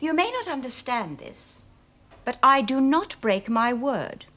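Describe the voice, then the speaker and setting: A woman's voice: sits high, sing-song, a bit bright, exaggerated voice. An actress playing a firm, formal woman prison official in a television drama. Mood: stern. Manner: measured, formal, authoritative.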